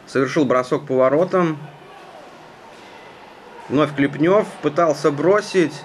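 A man giving live hockey play-by-play in a measured, conversational manner. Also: fairly high pitch. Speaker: hockey commentator. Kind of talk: live sports play-by-play commentary. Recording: noisy ice rink ambience. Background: arena noise.

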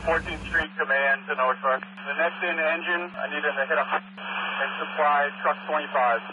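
A man's voice: on the high side, steady tone, moderate pace, narrow, tinny audio. A man speaking as a fire incident commander over the radio, terse and directive, giving size-ups and orders. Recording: noisy fireground radio recording.

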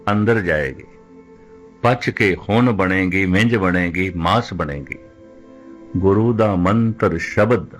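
A man preaching a Sikh sermon who poses rhetorical questions and slows right down to recite scripture lines. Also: low-pitched. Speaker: Sikh preacher giving katha.

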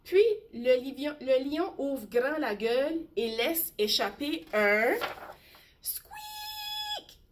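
Slow, high-voiced woman reading a story. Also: slight background noise. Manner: slow, gentle, expressive. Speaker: teacher reading a bedtime story. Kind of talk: storybook read-aloud.

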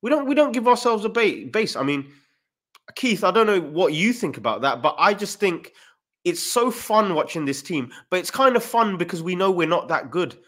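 Male co-host, casual football chat, animated delivery, slightly high voice, desk mic on video call. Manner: animated, quick rises in pitch. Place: home room, video call.

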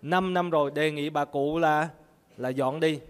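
Male Buddhist preacher, fairly high voice, call-and-response sermon, reverberant hall. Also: fairly even intonation, a little slow, clean tone. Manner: asks the audience questions and answers them himself.

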